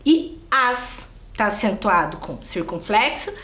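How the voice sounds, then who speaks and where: A woman's voice: medium pitch, big pitch swings, takes it slowly, a bit bright, echoey room. A woman with a Brazilian accent, giving a recorded video lesson to children and checking in with them often. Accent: Brazilian Portuguese. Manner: talks straight to the pupils and checks in often. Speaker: teacher.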